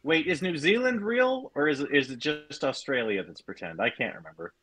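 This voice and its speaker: A man co-hosting a wrestling podcast, telling a long joke loudly in casual chat. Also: a little high, lively intonation, brisk, breathy edge. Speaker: podcast co-host.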